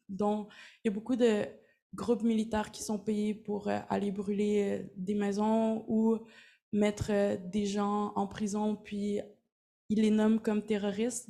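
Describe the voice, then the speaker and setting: Woman, mellow and gravelly, hesitant informal panel answer. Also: medium pitch. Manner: hesitant, searching for words. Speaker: student presenter answering audience questions. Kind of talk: informal spoken answer at a symposium.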